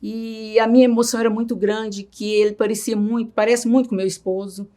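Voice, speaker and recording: A woman's voice: on the high side, level tone, fairly quick, dark tone. Emotional Brazilian woman sharing a testimony. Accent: Brazilian Portuguese. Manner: emotional, tags sentences with a questioning "right?". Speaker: interviewee. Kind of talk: personal testimony.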